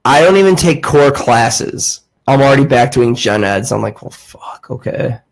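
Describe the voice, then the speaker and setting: A man's voice: mid-range voice, animated, moderate pace. A man in his late twenties hosting a podcast, telling a rambling story full of "like" and swearing. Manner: rambling, profane, heavy use of "like". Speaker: podcast host. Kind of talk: casual storytelling chat.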